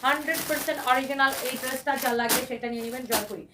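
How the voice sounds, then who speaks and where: Fast, high-voiced hoarse woman selling dresses live. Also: far from the mic, noisy background. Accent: Bangladeshi Bengali. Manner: enthusiastic, repetitive, mixes English phrases. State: hoarse from shouting. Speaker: live-sale fashion seller. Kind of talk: live shopping sales pitch.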